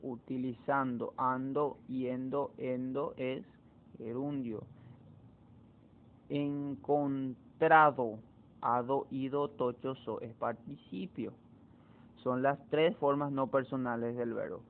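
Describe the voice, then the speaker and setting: Man, teacher, slow repetitive explaining, phone-like tinny audio. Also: mid-range voice, steady tone. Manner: slow, repetitive explaining, repeats key words. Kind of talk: exam walkthrough lesson.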